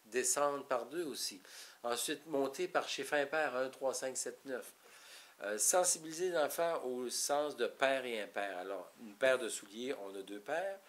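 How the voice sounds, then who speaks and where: A man's voice: medium pitch, a little slow. A man with a Québécois French accent giving an informal, rambling talk to parents, explaining step by step with frequent restarts. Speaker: parenting educator.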